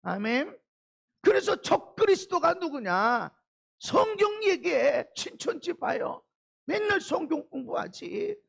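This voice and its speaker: A man's voice: very high-pitched, big pitch swings, takes it slowly, creaky, fairly bright tone. A man preaching a sermon as a pastor, emphatic, throwing out rhetorical questions and calls of amen. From South Korea. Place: church sanctuary.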